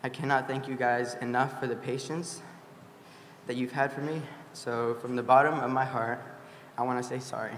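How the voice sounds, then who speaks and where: A man's voice: medium pitch, steady tone, moderate pace, fairly bright tone, a little hiss or hum. A graduating senior boy in his late teens earnestly reading an apologetic farewell speech at a school chapel podium. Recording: echoey chapel with long reverb.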